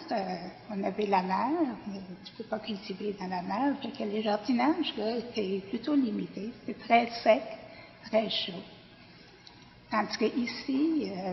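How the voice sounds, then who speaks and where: A woman's voice: mid-range voice, vocal fry. A woman in her sixties from Pakistan, a garden volunteer, giving a personal testimony with many hesitant fillers. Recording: echoey hall, dull lo-fi sound.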